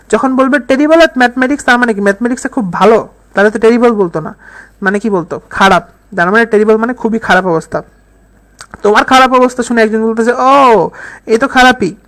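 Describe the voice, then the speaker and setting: A woman's voice: medium pitch, fairly bright tone. A woman teaching English vocabulary in a recorded lecture, repeating each word and quizzing her listeners with questions and playful memory tricks. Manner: uses playful mnemonics and acts out sample phrases.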